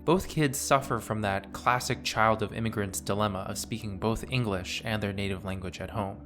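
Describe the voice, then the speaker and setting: Low-voiced man reading a video essay. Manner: measured, analytical. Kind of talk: scripted narration.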